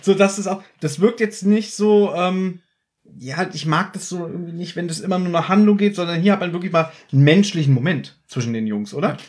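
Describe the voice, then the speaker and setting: A podcast host leads an episode discussion, recapping an audio drama episode in a casual, chatty way. His voice is high and darkish in tone, and he speaks briskly.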